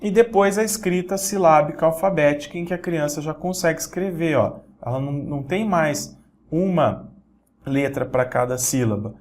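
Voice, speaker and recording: Man teaching, slightly high voice. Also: normal speed, a little mellow. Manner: explanatory, points at examples on screen; frequent checking tags and self-corrections. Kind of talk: recorded online lesson.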